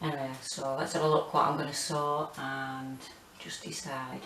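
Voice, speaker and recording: A British woman in her forties chatting casually and hesitantly as she gives a rambling home gardening tour, with a monotone, self-deprecating manner. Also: extremely low pitch, moderate pace, a little hiss or hum. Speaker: gardening vlogger. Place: small home kitchen and windowsill, indoors.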